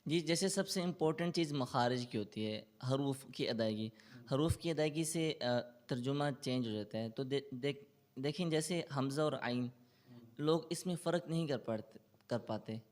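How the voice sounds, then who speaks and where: A Quran tutor with a Pakistani Urdu accent answers interview questions, patiently explaining tajweed with English loanwords mixed in. His medium-pitched voice is a little mellow, and he recites in a slow, melodic chant.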